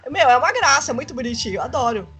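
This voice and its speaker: Woman in a casual chat, slightly high voice, enthusiastic storytelling, faint music bed. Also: very animated, racing, a bit bright.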